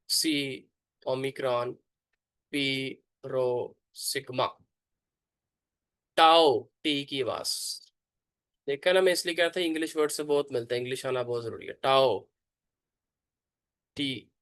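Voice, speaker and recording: Slow, bright-voiced man teaching letters. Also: mid-range voice, clean tone, dry recording. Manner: slow, repeating letter names for students to follow. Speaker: pastor teaching a Greek class. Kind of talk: online Bible class lesson.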